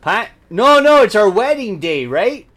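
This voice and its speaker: A man's voice: high voice, big pitch swings, measured pace, a bit bright, full character voice. A man playing a forgetful, long-married older male customer, muddled, stammering and easily exasperated on a comedy phone call.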